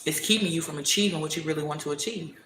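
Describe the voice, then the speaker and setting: A man with a fairly high voice gives a live tarot reading in a casual, profane and preachy way. He talks bluntly and emphatically. The sound carries a roomy echo with a faint hiss behind it. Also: fast, sharp tone. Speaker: tarot reader streaming live.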